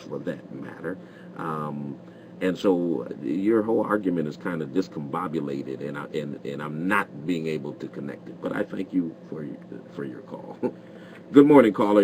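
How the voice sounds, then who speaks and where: A man hosting a live radio call-in show, questioning and challenging, often repeating the start of his sentences. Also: extremely low pitch. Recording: noisy radio broadcast recording.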